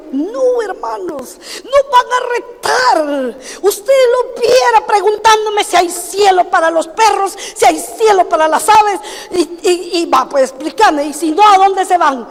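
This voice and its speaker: A woman's voice: extremely high pitch, animated, unhurried, hardly any pauses, long reverb tail. An older woman, preaching a sermon through funny, folksy stories told to the congregation. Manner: anecdotal, humorous, folksy asides to the congregation. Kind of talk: sermon with storytelling. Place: church.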